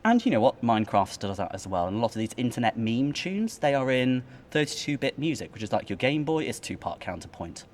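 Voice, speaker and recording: Animated man, lively pitch. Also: brisk, hardly any pauses. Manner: animated, articulate storyteller. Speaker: cathedral organist and educator. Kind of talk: interview conversation. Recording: faint background noise.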